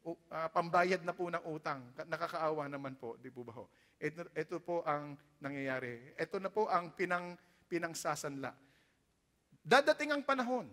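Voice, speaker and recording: A male pastor with a Filipino accent preaching a sermon, mixing Tagalog and English and swinging sharply in loudness for emphasis. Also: fairly high pitch, normal speed, big-room sound. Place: church sanctuary.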